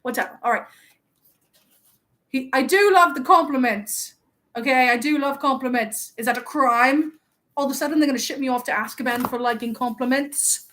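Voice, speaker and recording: A woman's voice: high voice, normal speed, fairly bright tone. A woman streamer playing a vain, playful young male wizard, chatting in a teasing, mock-offended way while hosting a live-stream role-play. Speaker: livestream host.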